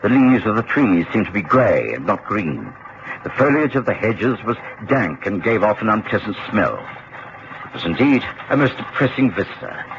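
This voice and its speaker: An actor playing a genial, earnest middle-aged gentleman doctor with a Received Pronunciation accent, telling his adventures in a radio drama in a measured, expressive way. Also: lowish voice. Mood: grave storytelling. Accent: British Received Pronunciation. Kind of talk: radio drama narration and dialogue. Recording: dull, faintly noisy old radio recording.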